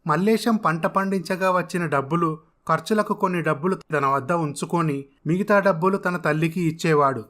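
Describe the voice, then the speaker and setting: A man narrating a family story in a steady, even storytelling manner. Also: fairly high pitch, moderate pace.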